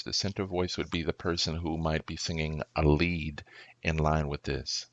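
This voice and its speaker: A man, a pastor, walking through an audio recording tutorial in a slow, deliberate way, thinking aloud step by step. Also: very deep voice, no echo, muffled recording.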